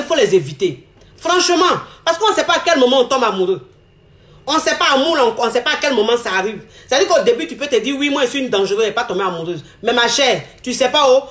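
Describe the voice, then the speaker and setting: High-voiced woman giving frank, repetitive advice. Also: echoey room. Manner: expressive, repeats phrases, acts out quoted lines. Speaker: advice speaker. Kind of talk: frank relationship advice monologue.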